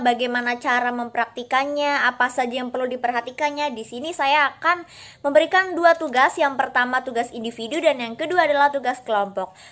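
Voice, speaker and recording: A woman's voice: sits high, a bit bright. A woman presenting a recorded lesson as a student teacher, explaining step by step and putting questions to the class.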